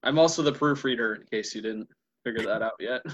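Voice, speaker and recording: A man's voice: medium pitch, quick pace, a bit bright, dry recording. A man co-hosting a movie podcast in casual chat, with a dry, wry humor. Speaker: podcast co-host. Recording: dull, dry lo-fi mic.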